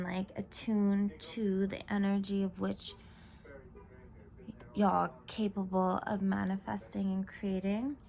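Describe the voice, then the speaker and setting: Seated in a room at home, a woman with a medium-pitched voice delivers a spiritual tarot card reading into her camera's microphone. Her monologue is croaky, meandering and reflective, packed with fillers, and she frequently slips into whispers.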